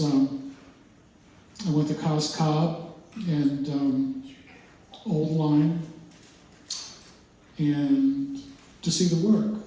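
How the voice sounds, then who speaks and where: An older exhibiting artist gives an informal talk about his work in a mellow, relaxed voice on the high side, halting with many uhs and restarts. He sounds far from the mic in a very echoey indoor gallery, with faint noise.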